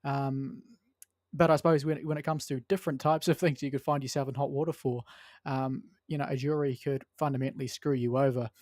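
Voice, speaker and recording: A man's voice: medium pitch, little pitch movement, brisk, darkish tone, no echo, clean studio sound. A man co-hosting a podcast, giving conversational opinions and thinking aloud in broken phrases. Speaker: podcast co-host. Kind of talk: opinion talk, conversational commentary.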